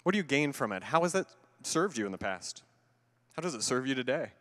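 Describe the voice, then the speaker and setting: A man giving a conference keynote talk, animated and conversational with playful asides to a live audience. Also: medium pitch, brisk, in a large hall. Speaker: keynote speaker. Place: large conference hall before an audience.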